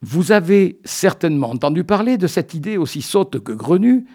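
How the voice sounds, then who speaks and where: A man's voice: sits high, big pitch swings, moderate pace, darkish tone, slightly rough. Playful man with a bouncy voice. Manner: playful, mock-solemn, teasing. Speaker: radio columnist. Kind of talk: comic radio chronicle. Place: radio studio.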